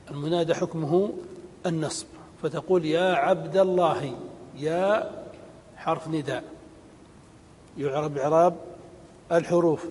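A man teaching a grammar lesson, slow and deliberate, repeating each rule and giving spoken examples. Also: a little mellow. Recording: long hall reverb with faint rumble.

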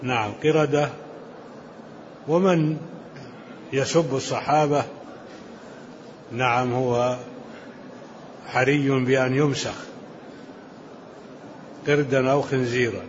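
A man's voice: medium pitch, fairly even intonation, takes it slowly, pauses often. A man teaching a religious lesson, explaining the text in plain words and affirming the reader with short interjections. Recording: dull lo-fi with faint hiss.

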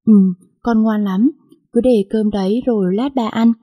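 A woman doing a gentle, tender father. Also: fairly high pitch, steady tone, unhurried. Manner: tender, reassuring. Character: gentle hardworking poor father, cyclo driver.

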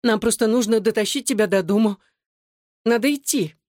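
A woman's voice: on the high side, moderate pace, darkish tone, no room sound, studio quality, voice pushed up, lightly acted. A woman doing a scared, urgent girl. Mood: anxious coaxing. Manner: urgent, pushing. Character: scared, insistent young girl.

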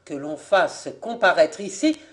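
A reader voicing an indignant French aviator, forceful. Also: male voice, on the high side, expressive, measured pace, voice pushed down. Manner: forceful, declaiming. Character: indignant middle-aged Frenchman aviator, proud and firm.

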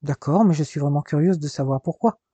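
A man voicing a curious, loving young woman, earnest and questioning, with a husky voice. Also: on the high side, fairly quick, warm tone, dry recording.

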